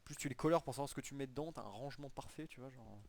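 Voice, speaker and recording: A man's voice: medium pitch, racing, vocal fry, background noise. A young man giving casual gameplay commentary as a video host, using colloquial street slang and swearing.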